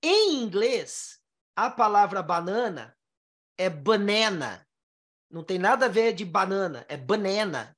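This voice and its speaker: A woman's voice: medium pitch, big pitch swings. A Brazilian-born teacher explaining English pronunciation to her students, drawing out syllables one by one and asking them rhetorical questions. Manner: explains step by step, sounding out syllables slowly; asks the listener rhetorical questions. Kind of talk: classroom lesson explaining pronunciation.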